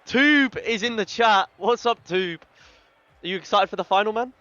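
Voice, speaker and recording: A man's voice: sits high, moderate pace, pushed and bright, no room sound, lo-fi sound. Chatty male esports caster, dry sound. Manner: chatty, reads out team chats, hype lines. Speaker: esports commentator. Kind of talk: casual esports commentary.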